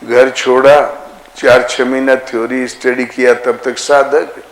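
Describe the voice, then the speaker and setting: A man giving a devotional discourse as a spiritual teacher, slow and deliberate, drawing out chanted syllables. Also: mid-range voice, flat delivery. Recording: echoey room with faint ambient noise.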